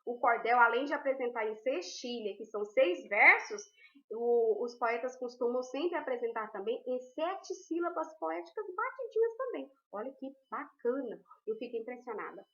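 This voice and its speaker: A woman's voice: sits high, expressive, moderate pace, fairly bright tone. A woman teacher giving a recorded class, explaining patiently step by step and checking in with her students often. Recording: roomy, dull lo-fi.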